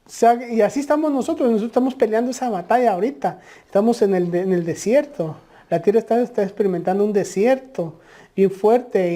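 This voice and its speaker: Dark-voiced woman preaching earnestly. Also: medium pitch. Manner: earnest, many restarts and filler "eh". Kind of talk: conversational preaching.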